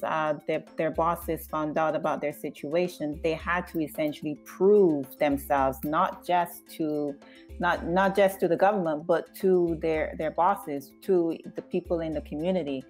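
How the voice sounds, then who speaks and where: A woman from Barbados, a screenwriter, speaking thoughtfully in an interview with frequent pauses. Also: low-pitched, fairly even intonation, faint music behind. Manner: thoughtful, measured, with many "uh" pauses. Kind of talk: interview conversation.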